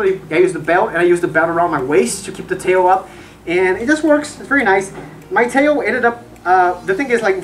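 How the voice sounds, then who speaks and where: A woman's voice: mid-range voice, far from the mic, slight background noise. A woman from Brazil, speaking from inside a fursuit head, chatting casually through a review with lots of fillers and repeated words.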